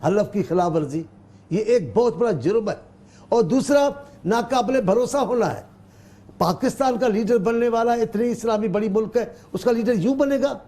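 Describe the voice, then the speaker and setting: Dark-toned male political guest. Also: sits high. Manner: measured, emphatic, formal wording. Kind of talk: talk show debate.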